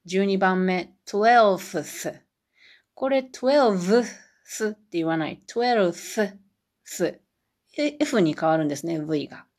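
A woman's voice: on the low side, lively intonation, a little slow. A woman with a Kansai accent teaches English numbers on her solo podcast, taking her time and drawing out each word. She drills each number in Japanese and then in English, with a chatty, self-deprecating aside here and there.

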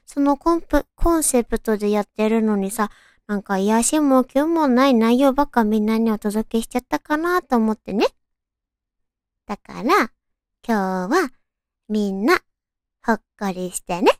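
A woman's voice: a little high, animated, moderate pace, no room sound, clean studio sound. A woman hosting a casual solo radio show, with a naturally cute, girlish anime-like voice and a chatty way of talking. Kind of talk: casual solo radio talk with read-out listener stories.

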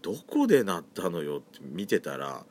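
A man's voice: low-pitched, wildly swooping pitch, normal speed, darkish tone, slight background noise. A man with a Yamagata accent hosting a solo chat podcast, talking in a chatty way with campy, feminine turns of phrase. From Yamagata, Japan. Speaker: podcast host.

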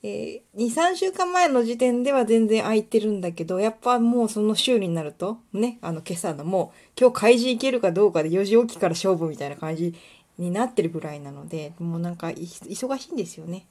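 A woman's voice: mid-range voice, lively intonation, a little fast, mellow. A young woman from Kuwana with a light Kuwana dialect, chatting casually and rambling with many fillers on her solo talk show. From Kuwana, Mie, Japan. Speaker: podcast host.

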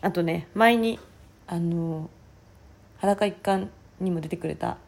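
A woman with a hoarse, raspy voice talking casually on her own as a podcast host. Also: lowish voice, slow pace, a little mellow. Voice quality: husky, raspy. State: hoarse voice, worn out from the day before. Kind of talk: casual solo chat.

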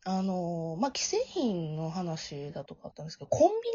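A hoarse, hungover woman with a booze-roughened whiskey voice, hosting a casual podcast chat. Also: lowish voice, wildly swooping pitch, a little fast, warm tone, a little hiss or hum. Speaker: podcast host. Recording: dull, muffled lo-fi audio.

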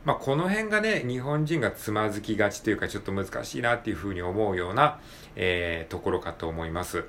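A man hosting his own podcast, talking alone in a polite, relaxed way with many drawn-out fillers. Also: fairly low pitch, a little hiss or hum. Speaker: podcast host. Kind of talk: casual solo podcast talk.

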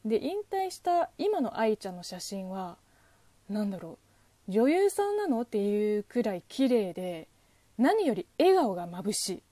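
A young woman whose first language is Chinese, hosting a casual solo podcast and chatting in a lively way with self-deprecating asides. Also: mid-range voice, unhurried, no echo. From China. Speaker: podcast host.

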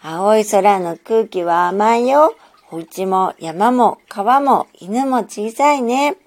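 A woman voicing an excited little girl who plays with her doll, in a sing-song childlike manner for a storybook reading. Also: medium pitch, takes it slowly. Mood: wonder.

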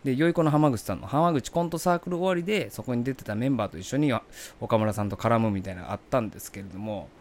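A man's voice: medium pitch, fast, a little mellow. A man, a comedian, talking through his career in a polite, chatty podcast monologue.

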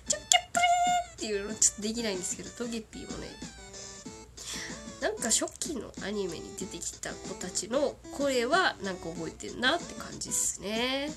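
A woman's voice: a little high, wildly swooping pitch, fairly quick, over music. A woman in her thirties hosting a casual solo radio chat, giggly and chatty, sniffling with a cold. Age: 30s. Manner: giggly, chatty, doing cartoon character impressions. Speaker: radio show host.

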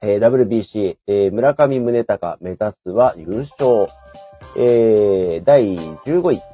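Young male co-host, low and lively, chatty news reader; lo-fi online audio, faint music. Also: a little slow, breathy edge. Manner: chatty, laughs often, reads headlines with fillers. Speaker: podcast co-host. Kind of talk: casual chat, reading a news ranking.

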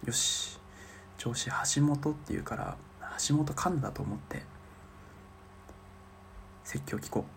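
A young man in his twenties telling short comic bits on his own podcast. His delivery is deadpan and self-mocking. He drops to murmured asides for his inner thoughts, at an ordinary middle pitch. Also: measured pace, vocal fry, long pauses, slight background noise. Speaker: solo podcaster. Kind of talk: comic monologue.

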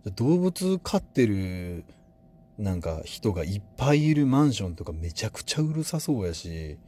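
Rambling Kansai man, mellow low voice. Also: sing-song, moderate pace. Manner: rambling, playful, musing aloud. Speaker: podcast host. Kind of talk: casual solo talk.

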